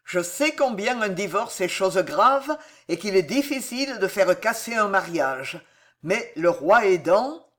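Reading an audiobook, a woman voices a cold, ruthless old nobleman who speaks in measured, unhurried tones. Her medium-pitched delivery is animated and carries a sense of cold menace.

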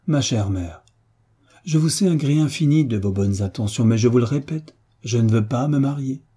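A man doing a gentle, defiant young nobleman. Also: mid-range voice, normal speed, breathy edge, lightly acted. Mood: firm. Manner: calm, tender, quietly defiant. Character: carefree young nobleman, gentle but firm son.

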